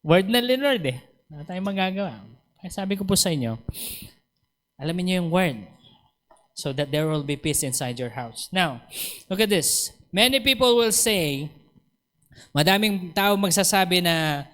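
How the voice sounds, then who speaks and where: A man with a Filipino accent preaching a sermon as a pastor, animated and acting out quoted dialogue, chuckling between points. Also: high-pitched, unhurried, pauses often.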